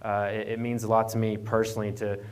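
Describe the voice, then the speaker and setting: Fast-talking and completely flat, this man's smooth voice is fairly low with a darkish tone. An economic development program manager with an Appalachian Virginia accent, he gives an informal guest presentation to a live audience, away from the podium and double mic'd, often repeating and restarting.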